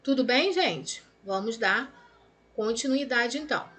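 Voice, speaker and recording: A woman's voice: fairly high pitch, lively intonation, unhurried, a bit bright. A woman with a Brazilian Portuguese accent, teaching grammar, explaining step by step, stretching out words syllable by syllable and checking in often with her students. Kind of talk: recorded lesson correcting exercises.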